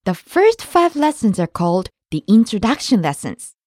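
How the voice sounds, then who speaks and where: Woman co-host, lively pitch, careful teaching delivery, dry close mic. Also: moderate pace, dry recording. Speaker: language lesson co-host and native-speaker model. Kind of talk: scripted podcast lesson.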